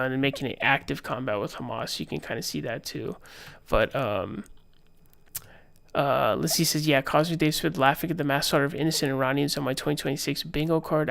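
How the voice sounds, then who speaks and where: A man's voice: mid-range voice, gravelly, fairly bright tone. A young man giving casual live-stream political commentary, rambling with lots of fillers and reading posts aloud. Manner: rambling, filler-heavy, reads tweets aloud.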